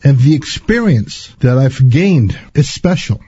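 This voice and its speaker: A man giving an earnest personal spiritual testimony in a slow, halting way. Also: medium pitch, very animated, warm tone, slightly rough, no echo, highs cut off.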